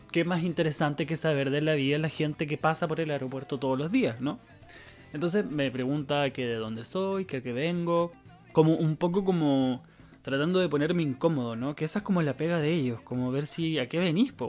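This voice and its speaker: A man's voice: on the high side, darkish tone. A young Chilean man with a Chilean accent, telling a rambling story in casual podcast chat, full of slang and swearing. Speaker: podcast host.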